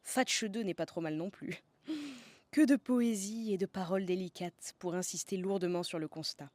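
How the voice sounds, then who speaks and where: A woman's voice: on the low side, moderate pace, a little mellow, no echo. A woman from the south of France, narrating a scripted podcast as host in a playful way, savouring slang words.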